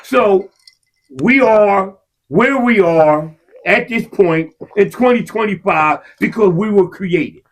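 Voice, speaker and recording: Speaking slowly on a rough recording, this podcast co-host gets fired up in a casual debate, cursing as he goes. His high, husky voice breaks into shouting whenever he pushes an argument.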